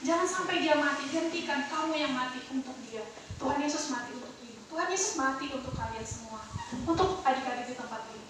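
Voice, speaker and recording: A woman preaching emphatically to school students, exhorting them and leading a quiet prayer. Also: high voice, slight background noise. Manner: emphatic, exhorting, then soft altar-call prayer. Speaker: guest preacher. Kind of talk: sermon to students. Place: school hall. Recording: echoey hall from far off.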